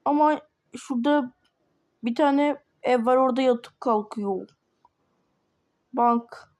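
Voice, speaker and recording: A hesitant young boy, the older brother, explains where things are in a toy game role-play, as a woman voices him. His voice is high. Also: slow, darkish tone.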